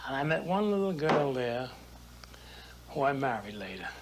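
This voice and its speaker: A man's voice: medium pitch, big pitch swings, moderate pace, noisy background. An elderly man, an old veteran remembering in an interview, plainspoken and given to short repeated phrases. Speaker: war veteran. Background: music.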